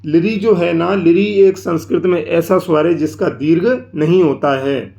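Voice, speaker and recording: Gravelly-voiced man teaching a language lesson. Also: on the high side, warm tone, lo-fi sound. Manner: slow, explanatory, often drawing out sounds to demonstrate. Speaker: Sanskrit teacher. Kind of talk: explaining a lesson.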